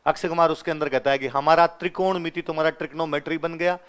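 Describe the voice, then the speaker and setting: Fast and smooth, a young male teacher from Rajasthan, India, with a Ganganagar-area Rajasthani Hindi accent, lectures through animated classroom anecdotes. His voice is fairly high, and he laughs a lot while acting out the lines.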